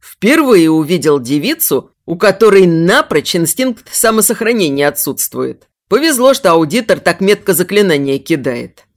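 A woman voicing a cocky young male student who teases loudly, in an audiobook reading. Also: on the low side, big pitch swings, normal speed, few pauses, voice pushed down. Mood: mocking. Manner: loud, brash, teasing. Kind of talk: audiobook character voice.

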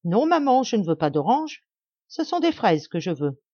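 A woman's voice: mid-range voice, sing-song, moderate pace, dark tone, no echo, highs cut off, voice pushed up. A woman doing a whiny spoiled little girl. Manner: whiny, demanding. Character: spoiled petulant young girl.

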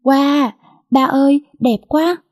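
A woman's voice: level tone, racing. A woman voicing a sweet, dutiful ten-year-old girl in a storybook reading. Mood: delighted. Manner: high, bright childlike pleading.

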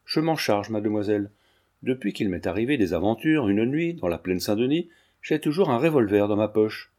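A man reading the lines of a calm young gentleman in an audiobook, explaining things in a reasoning way. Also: fairly low pitch, moderate pace, natural voice. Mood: resolute.

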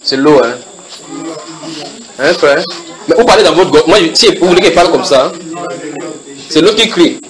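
A man's voice: on the high side, expressive, moderate pace, pauses often, poor audio. A man preaching at a house church Bible study, reading verses and putting questions to his listeners, repeating phrases for emphasis.

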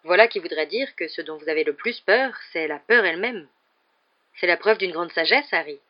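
A reader voicing a kind, gentle male wizard teacher with a soft, measured, courteous manner in an audiobook. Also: medium pitch, expressive, dull audio, lightly acted.

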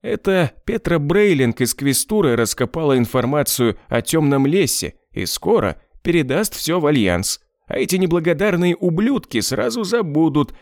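A man voicing a scheming, ruthless male crime boss who sneers and snaps in shrill outbursts. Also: no room sound, clean studio sound.

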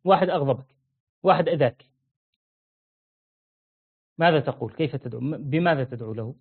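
A man leads a religious lesson in a fairly high voice. He keeps putting questions to his listeners and drags out the key phrases to drive them home. The audio is thin and narrow, as if heard down a telephone line. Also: slightly rough. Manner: quizzes listeners with repeated questions; slows down to stress key phrases. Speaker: religious teacher.

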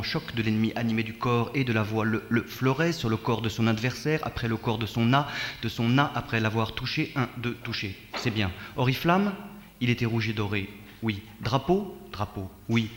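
A man's voice: mid-range voice, moderate pace. Man declaiming poetry in a reverberant hall. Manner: rhythmic, repetitive declamation with sudden shifts in loudness. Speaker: poet reading his own text. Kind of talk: performed poetry reading. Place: poetry centre reading room. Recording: long hall reverb from a live reading.

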